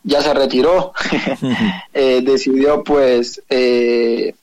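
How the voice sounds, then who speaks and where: Speaking very slowly in a mid-range, slightly mellow voice with a steady tone, a young adult man joins a phone call as a guest. He is a professional footballer with a Honduran accent who hesitates, uses many fillers, and frequently drops religious phrases.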